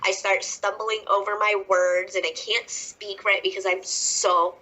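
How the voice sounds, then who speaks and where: On a laid-back podcast with dull, lo-fi audio, a wrestler guest in her twenties with a Southern American accent talks emotionally and laughs a lot. She uses a mid-range voice with a sharp tone and little pitch movement, speaking at a measured pace.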